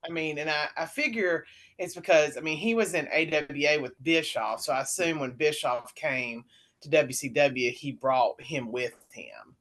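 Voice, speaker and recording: A woman on a podcast panel, chatting casually in an animated, mocking way with quick asides. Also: low voice. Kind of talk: casual chat.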